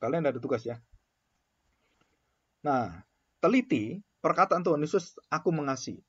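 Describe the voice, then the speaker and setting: A man's voice: a little high, expressive, measured pace, breathy edge, lo-fi sound. A man lecturing theology students in an emphatic, sermon-like way, repeating his key phrases for weight.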